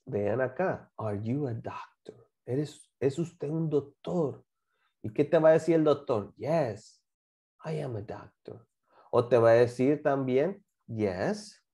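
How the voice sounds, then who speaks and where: A woman, an English teacher giving a class to children, repeating example phrases slowly and quizzing her students. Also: a bass voice, warm tone. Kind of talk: online class teaching English grammar to kids.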